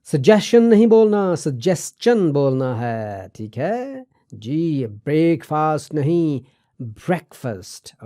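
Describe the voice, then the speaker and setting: Patient, mellow-voiced male English teacher. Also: a little high. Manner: patient, repeats key terms with slow emphasis; reassuring, asks viewers to remember. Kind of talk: explanatory video lesson.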